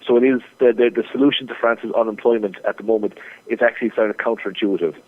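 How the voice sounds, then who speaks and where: A man on a tinny, narrow phone line answers interview questions at a brisk clip. His voice sits fairly low, and he often restarts and repeats words mid-thought. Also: fairly even intonation. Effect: over the phone. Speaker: market strategist guest.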